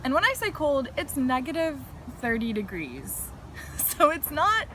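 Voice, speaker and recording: On a rough recording with a little background noise, a thirties-aged woman from South Africa chats openly as an interview guest, sharing her story with light laughter. She speaks in a high, sing-song voice with a fairly bright tone and an unhurried, measured delivery.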